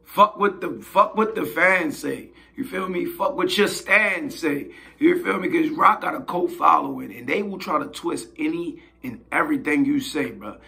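Hoarse, gravelly-voiced man commentating. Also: on the high side, moderate pace, few pauses, pushed and bright. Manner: blunt, slangy, repeats "you feel me". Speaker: host. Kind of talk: casual commentary.

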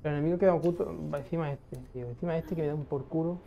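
A young man giving casual gameplay commentary, excitable, swearing often and talking to himself as he plays. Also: a little high, racing, highs cut off, slight background noise. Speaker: gaming streamer.

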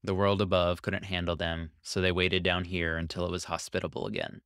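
A man with a low, deep voice narrates a short story in a calm, even manner. His tone is smooth and resonant. The recording is dry and close, with no room sound. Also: a little fast, no room sound. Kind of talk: scripted narration.

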